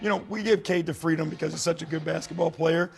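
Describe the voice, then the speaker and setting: A man, a coach, calmly explaining his team's offense in an interview. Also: fairly high pitch, vocal fry, soft background music. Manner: measured, explanatory. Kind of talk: interview about team strategy.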